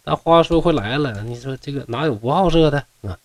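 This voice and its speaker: With a brisk, expressive mid-range voice and no room sound, a middle-aged man with a Northeastern Mandarin accent performs a classic story for comic effect. His telling is folksy and joking, sprinkled with remarks to those listening.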